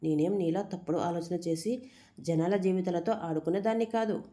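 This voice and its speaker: A woman's voice: fairly low pitch, normal speed, warm tone, close to an everyday voice. A woman reading a storybook, voicing a defiant young woman who stands up to a villain. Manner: defiant, tearful.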